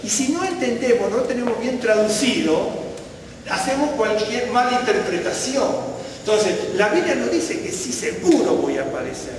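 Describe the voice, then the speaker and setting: A man's voice: very high-pitched, very animated, normal speed. A man gives a conversational Bible teaching, often checking that his listeners follow. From Argentina. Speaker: teacher at a congregation. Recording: echoey hall, mic far off, faint room noise.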